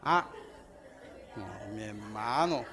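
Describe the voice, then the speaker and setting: A middle-aged male pastor, preaching an evangelistic sermon. He swings from loud, rising declarations to soft, conversational asides. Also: fairly low pitch, expressive, takes it slowly. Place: church hall. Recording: long church hall reverb.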